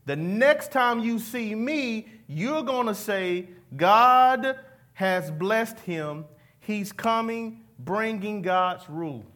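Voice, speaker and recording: A man's voice: sits high, lively intonation, slow pace, fairly bright tone. A man preaching a sermon, leading the congregation in call-and-response and mixing in folksy asides. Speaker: pastor.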